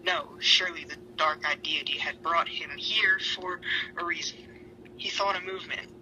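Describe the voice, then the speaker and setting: In a noisy home recording, a fan fiction reader performs a story with amateur theatrics, her voice on the low side and sharp, her pace moderate, breaking off for self-deprecating, profane comments.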